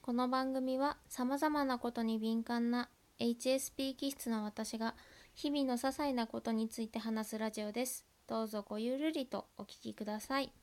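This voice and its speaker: A woman with a Tohoku accent hosting a casual solo podcast from home, talking softly and rambling with many fillers and whispered asides into a laptop mic. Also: on the high side. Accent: Tohoku Japanese. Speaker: podcast host. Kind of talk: casual solo radio chat. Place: at home by an open window. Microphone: laptop built-in mic.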